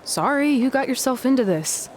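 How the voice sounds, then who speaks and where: A woman's voice: high-pitched, expressive, normal speed, a little mellow, slight background noise. An actress playing a blunt, sarcastic young female wrestler in a video game, dry and matter-of-fact.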